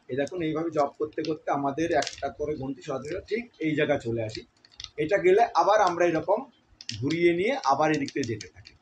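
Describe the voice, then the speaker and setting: A man's voice: sits high, a bit bright, a little hiss or hum. A man explaining how to chant on prayer beads, stopping to demonstrate the chant and making earnest appeals to his viewers. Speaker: devotional YouTuber.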